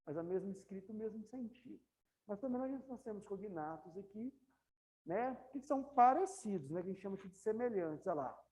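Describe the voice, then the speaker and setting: A woman's voice: mid-range voice, expressive, fairly quick, warm tone. A woman with a Brazilian Portuguese accent teaching an English class in a classroom, chatty and often checking in with her students. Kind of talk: classroom lecture. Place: classroom, also streamed to students at home. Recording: dull lo-fi classroom recording.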